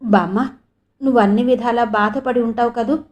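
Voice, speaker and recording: A woman's voice: a little high, fairly even intonation, normal speed, lightly acted. A woman reading an audio novel voices a frail young woman who talks in weak, anxious, pleading questions. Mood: relieved. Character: frail young woman waking dazed and frightened.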